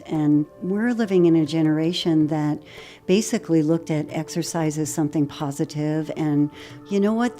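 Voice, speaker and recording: A woman's voice: fairly low pitch, dark tone. A woman in her sixties who teaches yoga and owns a studio, talking in an upbeat, self-assured way in an interview. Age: 60s. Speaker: yoga instructor and studio owner. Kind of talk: reflective interview talk.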